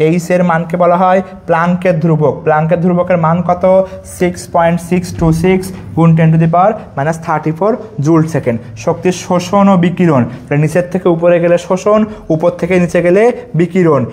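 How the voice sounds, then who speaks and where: Repetitive, high-voiced male chemistry tutor. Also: fairly even intonation, a little fast, a little mellow. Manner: repetitive, drilling students and reading out commenters' names. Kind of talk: live online lesson.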